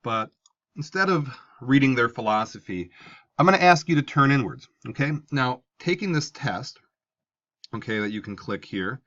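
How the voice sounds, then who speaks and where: A man's voice: medium pitch, expressive, moderate pace, sharp tone, muffled recording. A male teacher giving a conversational lecture to his class, explaining ideas step by step. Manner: explanatory, conversational, asks for an open mind.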